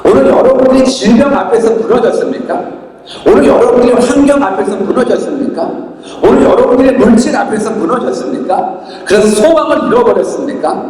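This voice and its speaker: A man's voice: very high-pitched, fairly quick, a little mellow. A man preaching a sermon as pastor, emphatic, repeating rhetorical questions to the congregation. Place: large church hall. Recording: echoey church hall from far off.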